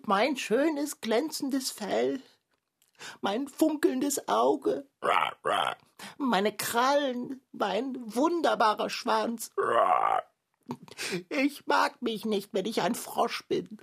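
A woman's voice: a little high, very slow, creaky, long pauses, husky, exaggerated voice. A woman voicing a vain talking tomcat who has been turned into a frog, speaking in a theatrical, self-pitying and bossy way in a children's audio drama.

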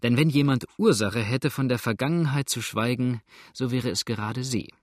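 A man reading an audiobook voices a gruff, grumbling older frontier rider with a curt manner. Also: medium pitch, moderate pace, no echo, studio quality, lightly acted. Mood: sly.

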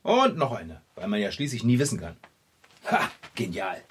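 A man voicing an excitable, easily panicked male bicycle mechanic in a children's radio play. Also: fairly low pitch, moderate pace, breathy edge, full character voice. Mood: pleased.

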